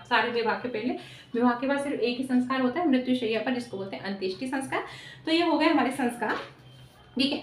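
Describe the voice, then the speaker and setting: A woman gives an exam-prep lecture at a classroom whiteboard, often repeating "ठीक है" and quizzing students with rhetorical questions. Her voice is high-pitched. The echoey room, off-mic voice and slight background noise mark the recording.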